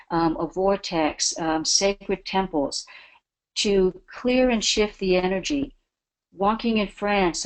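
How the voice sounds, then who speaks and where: A woman's voice: fairly low pitch, low-quality recording. A woman giving a spiritual talk as a webinar guest, earnest and devotional. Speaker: guest speaker.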